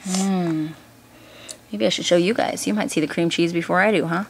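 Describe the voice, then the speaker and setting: A woman in her thirties chatting through a grocery haul vlog, reading prices off her receipt with pauses and fillers, filmed on a handheld camera in her home kitchen. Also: fairly low pitch, steady tone, vocal fry, a little hiss or hum. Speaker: homeschooling mother and vlogger.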